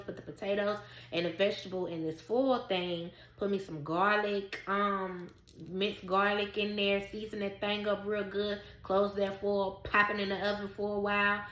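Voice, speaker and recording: A woman telling a personal story to her viewers in a casual, animated and emphatic way. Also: mid-range voice, reverberant. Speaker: vlogger.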